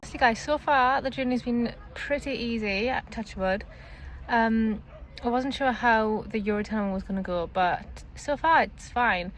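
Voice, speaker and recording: A woman's voice: fairly high pitch, unhurried. A young woman chatting casually as a travel vlogger, rambling with fillers while on a road trip. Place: in a car and on the road. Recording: muffled with loud road noise.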